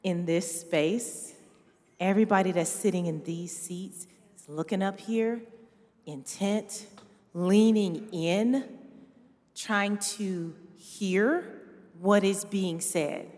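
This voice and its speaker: A woman speaking as a guest on a church panel, measured and deliberate. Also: medium pitch, darkish tone. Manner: measured, builds to passionate. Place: church sanctuary. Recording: long reverb of a church hall.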